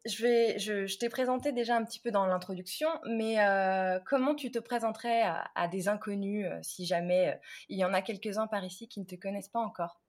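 This podcast host speaks in a mid-range voice, a little fast and with hardly any pauses, recorded in clean studio sound with no room noise. Her scripted home renovation intro is bright and upbeat, but her conversation with the guest is hesitant and full of fillers.

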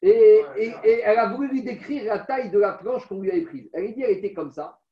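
A religious teacher leads a text study class in a high-pitched voice at a quick pace, chanting passages aloud and then explaining them through little stories. The recording is roomy, distant and dull.

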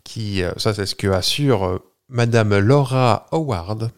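A man's voice: lowish voice, unhurried, clean tone. A man co-hosting a podcast, explaining a topic in a chatty, jokey way with fillers and restarts. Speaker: podcast co-host. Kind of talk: casual chat.

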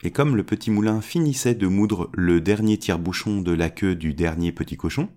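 A man reading a fairy tale aloud as a storyteller, changing his pitch to give each character a voice. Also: normal speed, mellow.

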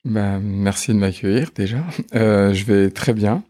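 A man's voice: fairly low pitch, steady tone, a little slow, mellow. A man in his fifties, a funeral home manager, chatting in an interview with many hesitant filler sounds. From France. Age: 50s. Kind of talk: casual interview chat.

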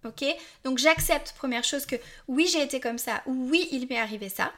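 A podcast host in her forties talks candidly and casually, addressing her listeners directly, with frequent asides and self-deprecating apologies. Her voice is high-pitched and a bit bright, at a moderate pace.

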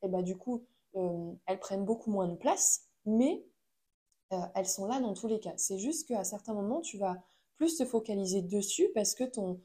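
A woman's voice: medium pitch, lively intonation, moderate pace, mellow. A woman giving a casual motivational talk in French, chatty and addressing the listener directly, with frequent fillers.

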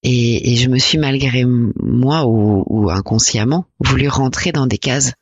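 A woman in her forties from France, a podcast guest talking reflectively and hesitantly about her life, with many pauses and fillers. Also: very deep voice, no room sound, muffled recording. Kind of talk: personal interview conversation.

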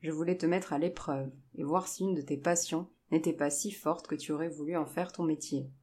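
A woman's voice: low-pitched, steady tone, a little fast, dark tone, slight background noise, lightly acted. A woman doing a frail, loving old grandfather. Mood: fond.

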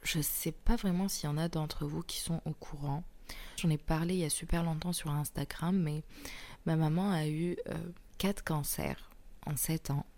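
Low, mellow woman with swollen-tonsil sore throat. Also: steady tone, normal speed. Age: young adult. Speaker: podcast host. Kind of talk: intimate solo podcast monologue.

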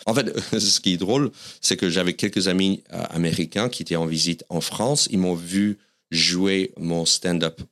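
A man with a notably low, deep voice and an American accent, speaking French as a guest in a podcast interview. He tells his stories with self-deprecating humor, in the way of a working stand-up comedian. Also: normal speed, a bit bright. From United States. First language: English.

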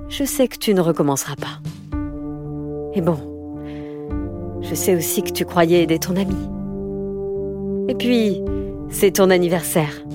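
A woman voicing a fierce, protective aunt who is loving but stern, speaking firmly and with emphasis. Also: fairly low pitch. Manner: firm, emphatic.

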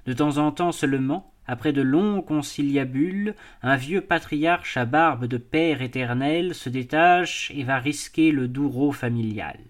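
A man narrating a classic novel as an audiobook, with a measured, expressive reading. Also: medium pitch. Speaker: audiobook reader. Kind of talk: scripted narration.

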